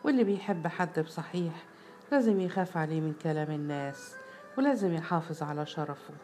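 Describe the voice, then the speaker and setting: A woman's voice: low-pitched, fairly quick, darkish tone, faint music behind, close to an everyday voice. A woman with an Egyptian accent voicing a distressed young female student who pleads earnestly as she confides a secret. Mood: firm.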